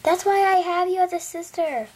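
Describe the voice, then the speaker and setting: A teenage girl vlogging to camera, rambling playfully and dropping into whispers between loud bursts. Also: very high-pitched, steady tone, normal speed, a little hiss or hum. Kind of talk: casual vlog chat.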